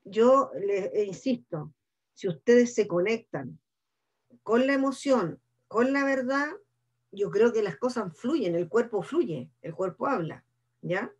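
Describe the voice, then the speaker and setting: A woman's voice: medium pitch, lively intonation, takes it slowly, darkish tone, breathy edge, dull audio. A woman, an actress speaking on a panel, explaining at length and often checking in with her listeners. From Chile. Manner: explanatory, peppers speech with "¿ya?" and "te fijas". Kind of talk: conversational panel talk.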